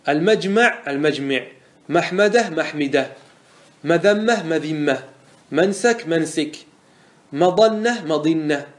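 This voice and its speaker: Man lecturing, repeating each word twice. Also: on the high side. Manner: repeats each word form twice, asks the class rhetorical questions. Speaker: Islamic scholar teaching Arabic morphology. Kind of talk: classroom lecture explaining a grammar poem.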